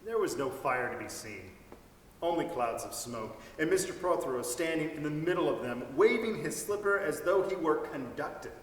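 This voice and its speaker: A man giving an expressive dramatic reading of a story. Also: a little high, normal speed, slight background noise. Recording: echoey hall, mic at a distance.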